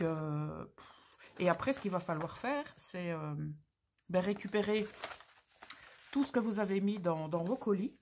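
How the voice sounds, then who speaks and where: A woman's voice: medium pitch, slight background noise. A woman hosting a craft channel, talking casually through an unboxing with gushing, exclamatory, slangy enthusiasm.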